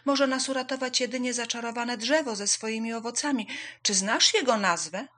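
A woman voicing an eager, forgetful young male hare who talks in a high, hasty, excited way. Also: moderate pace.

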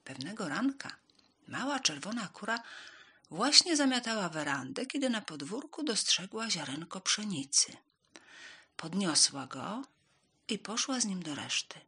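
A woman reads a fairy tale aloud for children, her voice animated and swooping through the story. Her tone is bright, with a breathy softness. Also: medium pitch, unhurried.

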